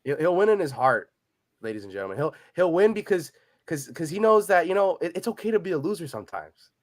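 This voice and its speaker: Loud, animated man in heated debate. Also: a little high, fast talker, no echo, clean studio sound. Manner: loud, animated, repeats himself, trash-talking. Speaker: podcast co-host.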